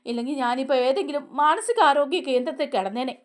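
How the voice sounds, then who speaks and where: A woman's voice: high-pitched, lively intonation, fast, pitched above the performer's own voice. A woman voicing a young son who speaks earnestly, defending someone he is grateful to.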